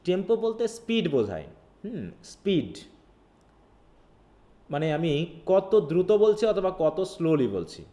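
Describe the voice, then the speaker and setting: A man's voice: a little high, huge pitch swings, moderate pace, pauses often, dark tone. A man teaching a live online linguistics class. He reads lines from a text, then explains them in a casual teaching style. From Bangladesh. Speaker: English literature teacher.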